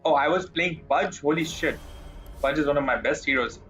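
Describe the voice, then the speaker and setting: A man's voice: fairly high pitch, normal speed, a bit bright, faint music behind, low-quality recording. A man chatting casually to his stream chat while playing a game, rambling and poking fun at himself. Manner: chatty, rambling, self-deprecating. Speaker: gaming streamer.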